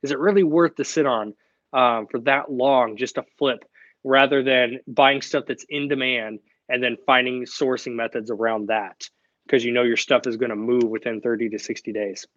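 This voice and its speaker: A man's voice: medium pitch, steady tone, normal speed, fairly bright tone, dry recording, highs cut off. A young man hosting a live online Q&A, talking casually and directly. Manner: casual and direct, chatty with fillers. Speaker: host of a live Q&A stream.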